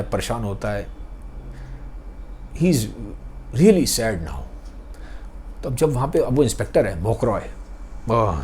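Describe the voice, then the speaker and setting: A man casually retelling a novel's story, animated, slipping English phrases into his speech. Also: medium pitch.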